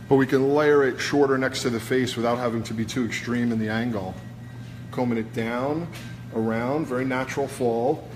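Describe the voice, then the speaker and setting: Man with a Brooklyn accent, informal hairdresser. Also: mid-range voice. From New York, USA. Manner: informal, explains step by step while working. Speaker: hairdresser demonstrating a cut. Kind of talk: casual live demonstration. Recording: noisy busy salon background.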